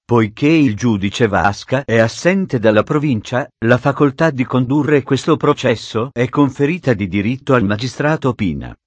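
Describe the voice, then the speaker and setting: A man's voice: medium pitch, lively intonation, moderate pace, few pauses, dry recording, close to an everyday voice. A man reading as a cold scheming commander. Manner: cold, curt.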